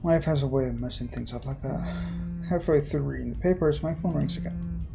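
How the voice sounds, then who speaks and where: Someone with a medium-pitched, creaky voice reads visual novel narration aloud. They keep breaking off for informal, halting commentary.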